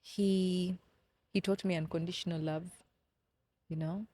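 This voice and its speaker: Her voice sits on the low side, mellow and fairly even, at a measured pace in a dry recording. She is a Kenyan podcast guest in her thirties, sharing candid personal stories thoughtfully and repeating words as she finds them.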